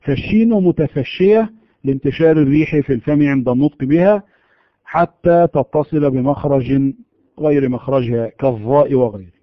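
A man teaching Quran recitation rules, explaining and slowly demonstrating letter sounds in a measured way. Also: mid-range voice, no echo, highs cut off. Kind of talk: tajweed lesson.

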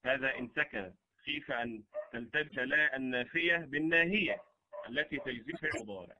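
A man teaching the rules of Quran recitation, explaining slowly and reciting verse examples. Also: mid-range voice, dull audio, background noise. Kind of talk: tajweed lesson with recited examples.

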